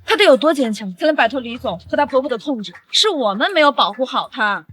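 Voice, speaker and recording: Sharp, principled female lawyer, quick and high, firm delivery. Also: lively intonation. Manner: firm, earnest. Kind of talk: short drama acting.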